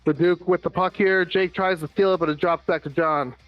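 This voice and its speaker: American man, play-by-play commentator, higher voice, quick running calls, faint music behind. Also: fairly even intonation, muffled recording. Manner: rapid running call of plays with dry asides. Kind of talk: amateur live sports commentary.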